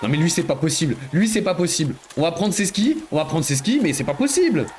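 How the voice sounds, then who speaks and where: A man giving live commentary on a video game he is playing, excitable and joking, often breaking into exclamations. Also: a little high, quick pace, slight background noise. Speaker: streamer.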